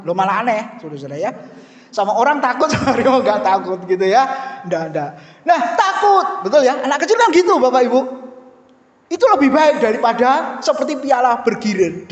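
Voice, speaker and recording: A man, preaching a lively sermon and often turning to address the congregation. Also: high voice. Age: 50s. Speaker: pastor. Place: church hall. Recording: echoey hall.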